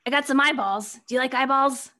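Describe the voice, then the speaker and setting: A woman's voice: high-pitched, fairly quick, sharp tone. A woman playing a tabletop game, talking hesitantly with many ums. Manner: hesitant, giggly. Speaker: player. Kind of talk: casual game play.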